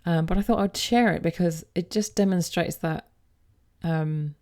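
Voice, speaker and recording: Woman, low and mellow, easygoing teacher walking through a toning demo with soft hesitations. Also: normal speed. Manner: gentle, hesitant with frequent ums. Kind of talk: casual explanatory demonstration.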